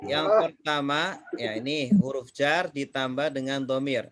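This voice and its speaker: A man teaching an Arabic reading class, slow and patient, repeating each student's answer. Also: mid-range voice, a crowd in the background. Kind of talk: online class drilling students.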